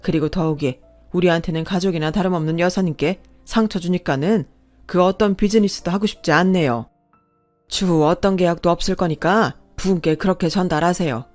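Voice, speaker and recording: Woman doing a male company boss, middle-aged, composed, formal, lowered voice. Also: fairly quick, a little mellow, faint music behind, lightly acted. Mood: firm.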